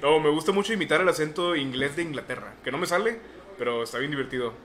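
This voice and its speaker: A man's voice: a little high, fast, a bit bright. A young man with a Mexican accent from Monterrey, co-hosting a casual podcast chat, laughing a lot and reading out listener comments. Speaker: podcast co-host.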